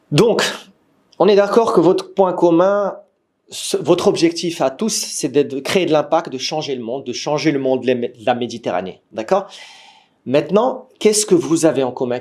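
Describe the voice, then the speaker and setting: A man with a Moroccan French accent teaching an online workshop to startup founders over a video call, lively and questioning, with frequent restarts. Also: mid-range voice. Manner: lively, asks the group for agreement often, many restarts; says he is a gamer. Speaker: startup trainer. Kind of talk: online training lecture. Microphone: computer mic on a video call.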